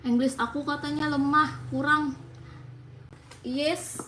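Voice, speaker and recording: A young woman with an Indonesian accent chats casually with her viewers, switching between halting English and quick Indonesian asides. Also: sits high, steady tone, bright, forceful tone. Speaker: vlogger chatting with viewers. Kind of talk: casual chat. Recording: echoey room with faint noise.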